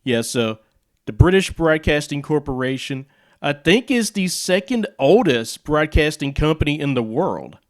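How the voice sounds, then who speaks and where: Animated and a little high-pitched, an American radio hobbyist hosting a video explains things at a measured pace. He keeps it casual and off the cuff, wandering into conversational asides.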